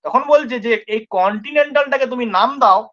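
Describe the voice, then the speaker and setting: A man's voice: very high-pitched, a little fast, bright, forceful tone. A male tutor giving an exam-prep geography lesson, informal with his students, repeating points and constantly checking they follow. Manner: informal, addresses students familiarly. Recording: dull lo-fi recording.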